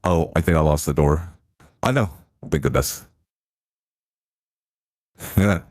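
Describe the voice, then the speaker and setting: A man's voice pushed very low by a pitch-shifting voice changer, which gives it a heavy, processed depth. He chats loosely and reacts aloud as he plays, with the sound dry and close. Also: slow, darkish tone, dry recording. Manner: chatty, reacts aloud to the game. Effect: deep pitch-shifting voice changer. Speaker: live streamer. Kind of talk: casual gameplay commentary.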